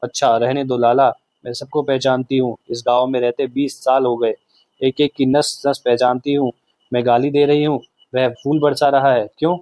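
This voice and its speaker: A man's voice: medium pitch, flat delivery, moderate pace, a little mellow, dry recording, close to an everyday voice. A man voicing a fiery, quarrelsome village woman who scolds and taunts, in a storybook reading. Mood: angry.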